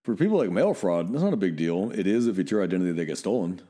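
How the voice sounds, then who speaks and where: A man's voice: low-pitched, sing-song, fast, warm tone. A middle-aged man from Northern California, a police officer co-hosting a podcast, telling blunt, profane stories in casual chat.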